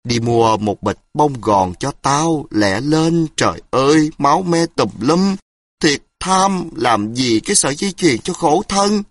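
A man's voice: fairly high pitch, expressive, measured pace, dry recording, pitched above the performer's own voice. A man voicing a distraught middle-aged wife who wails and moans. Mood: scolding, lamenting. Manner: wailing, moaning.

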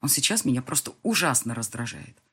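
A woman reading a first-person audiobook with an expressive, emotional delivery and a husky voice. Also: very deep voice, fairly quick. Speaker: audiobook narrator.

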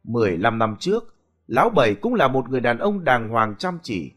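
Male narrator for a spoken story; expressive, animated delivery, slightly high voice, soft music bed. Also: a little fast.

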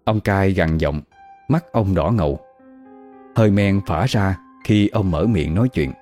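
A man narrating a scripted horror story in a steady, measured way. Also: deep voice. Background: faint music.

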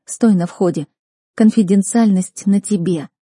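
Woman voicing an anxious young healer girl, urgent, bossy, raised voice, husky, storybook. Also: mid-range voice, measured pace, warm tone, dry recording, studio quality. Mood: commanding. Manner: urgent, commanding.

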